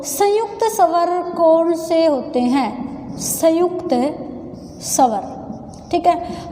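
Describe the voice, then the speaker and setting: A woman teacher with a Haryanvi Hindi accent giving an exam-prep grammar lesson, calling her students children and repeating key terms slowly. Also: sits high, mellow. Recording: echoey room with long reverb.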